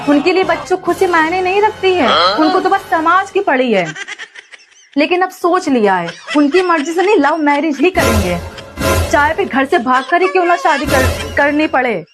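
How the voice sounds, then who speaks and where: A young woman with a high voice chatters in a rapid, gossipy stream of complaints. Clear background music plays under her comedy sketch. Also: expressive. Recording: music playing behind.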